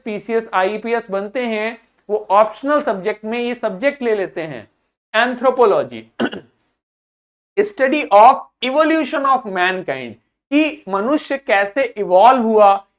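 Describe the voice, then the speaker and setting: A man's voice: sits high, a bit bright. A male teacher giving a classroom vocabulary lesson, repeating each word and quizzing students to say it back. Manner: patient, quizzing questions to the students. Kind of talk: classroom pronunciation drill.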